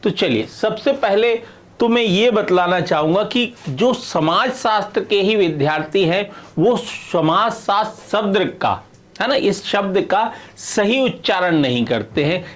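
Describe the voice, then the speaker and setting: A middle-aged man teaching sociology in a video lecture, explaining step by step and checking often that students follow. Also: high-pitched. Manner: explains with repeated checks like "है ना" and "clear है".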